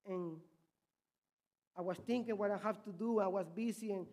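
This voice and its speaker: A man's voice: high-pitched, fairly even intonation, normal speed, a little mellow. A man from Peru preaching a sermon as a missionary, with a Peruvian Spanish accent and impassioned, swinging volume.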